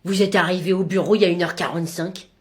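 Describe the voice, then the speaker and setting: A woman's voice: fairly low pitch, steady tone, fast. A woman acting in comedy sketches, speaking in a plain, matter-of-fact way.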